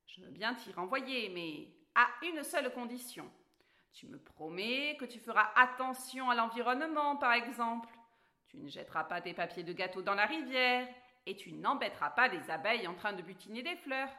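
A woman's voice: a little high, expressive, moderate pace. A woman doing a grumpy, scolding little dwarf. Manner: loud, gruff, scolding outbursts. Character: grumpy male dwarf, stubborn and cross.

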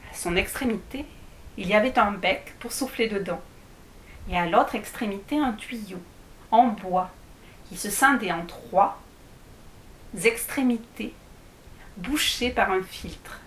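Une femme qui lit un conte pour enfants à voix haute, sur un ton doux et posé. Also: female voice, medium pitch, a little hiss or hum. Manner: slow, gentle storytelling. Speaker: storyteller. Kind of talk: reading a children's tale aloud. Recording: echoey room.

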